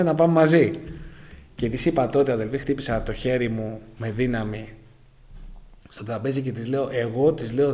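A man's voice: mid-range voice, warm tone. A man from Greece telling his conversion story to a congregation, calling them brothers and letting his voice sink at the end of phrases. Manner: keeps addressing the listeners as brothers; fragmentary, emotional storytelling, voice sinking at phrase ends. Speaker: church member giving testimony. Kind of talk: personal testimony to a congregation.

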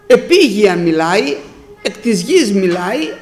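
A man's voice: high-pitched, sing-song. A man preaching a sermon to his congregation, emphatic and repeating his phrases, quoting scripture as he goes. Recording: roomy echo.

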